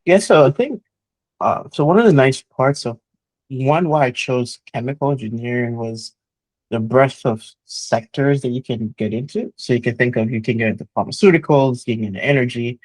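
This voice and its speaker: A man's voice: mid-range voice, normal speed, darkish tone, dry recording, poor audio. Earnest man, dry close sound. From Jamaica. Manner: earnest, motivational, frequent "uh" and "so". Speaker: guest, chemical engineer. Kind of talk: conversational interview.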